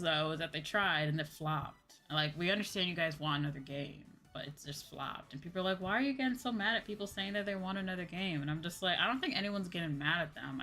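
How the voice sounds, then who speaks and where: A woman livestreamer, a VTuber, chats casually while gaming in a lowish, bright voice with a forceful tone, sounding slangy, colloquial and mildly exasperated. Music plays in the background behind her.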